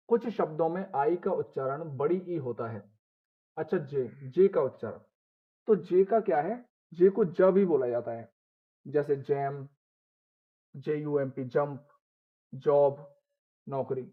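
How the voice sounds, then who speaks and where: Man teaching pronunciation on a tinny line. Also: a little high. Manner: explains step by step, repeating rules and spelling out letters; addresses viewers as "guys". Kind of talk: Hindi classroom-style lesson. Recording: tinny phone-like sound.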